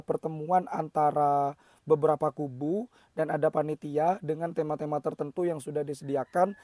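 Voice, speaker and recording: A man with a slightly hoarse, mellow voice pitched somewhat high hosts an explanatory commentary. He talks in a measured way and keeps pausing on hesitation fillers. The sound is close and dry, with no room echo. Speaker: host.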